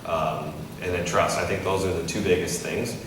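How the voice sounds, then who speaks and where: A man in his thirties, an entrepreneur and investor, answers questions in a casual live onstage interview before an audience, speaking loosely with many restarts and frequent "right?" tags. His voice is low-pitched and steady at a moderate pace. The event hall recording is echoey, noisy, and captured far from the mic.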